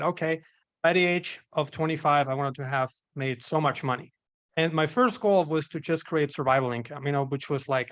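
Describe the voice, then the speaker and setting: Austrian-born man in his twenties, slightly high voice, dry close sound, chatty storyteller. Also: fairly bright tone, no room sound. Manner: storytelling, upbeat, frequent "you know". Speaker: guest entrepreneur. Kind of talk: casual interview chat.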